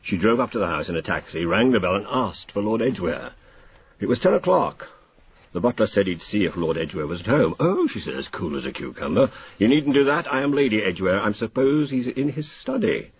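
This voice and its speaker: A cocksure English police inspector talks bluntly and colloquially in a very rough, husky, lowish voice. The delivery is jocular and plain-spoken, in a muffled radio drama recording. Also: male voice, lively intonation, no echo, full character voice. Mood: brisk, matter-of-fact. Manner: blunt, colloquial, briskly matter-of-fact.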